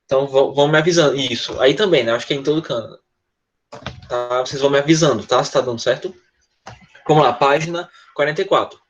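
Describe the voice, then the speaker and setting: A man's voice: mid-range voice, fast talker. Brazilian man teaching online, dull audio. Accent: Brazilian Portuguese. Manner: patient, repeats tá and né often. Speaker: English teacher. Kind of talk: online class lesson.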